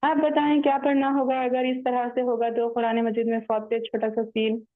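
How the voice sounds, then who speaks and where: A woman teaching Quran recitation in an online class, patiently explaining rules step by step and chanting the verses slowly. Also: fairly high pitch, flat delivery, no echo. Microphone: online call audio. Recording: tinny phone-like line, dry.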